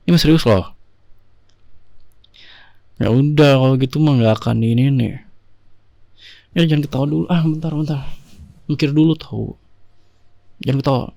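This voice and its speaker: A man in whispered role-play as an affectionate husband, talking softly and teasingly to his sleepy wife on a binaural mic. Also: medium pitch, moderate pace, creaky, pauses often, natural voice. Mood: playful, firm. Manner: soft, intimate, teasing. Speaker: ASMR performer.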